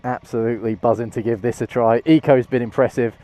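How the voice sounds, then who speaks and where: A man giving chatty, excitable commentary while riding a motorcycle, through a helmet-mounted mic. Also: medium pitch, fast. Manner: chatty, excitable, many restarts and laughs. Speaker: motorcycle vlogger. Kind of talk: casual moto-vlog commentary while riding. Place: outdoors on a motorcycle in traffic. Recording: faint road and traffic noise.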